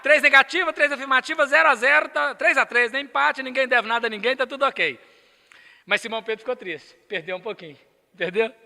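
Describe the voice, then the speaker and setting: A man's voice: extremely high pitch, gravelly, pushed and bright. A man with a Brazilian accent giving a spiritist lecture, emphatic and asking the audience rhetorical questions. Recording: echoey lecture hall.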